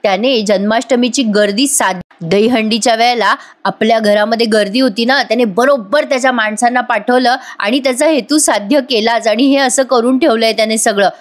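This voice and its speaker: A man's voice: very high-pitched, brisk, hardly any pauses. Woman voicing a worried young husband. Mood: accusing.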